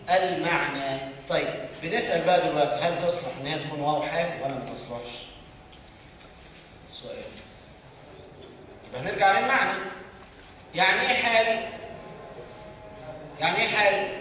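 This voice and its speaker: A man with an Egyptian Arabic accent teaching a grammar lesson to a class, often pausing on a question for students to fill in the answer. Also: sits high, fairly bright tone, a little hiss or hum. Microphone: distant room mic. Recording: echoey hall from far off.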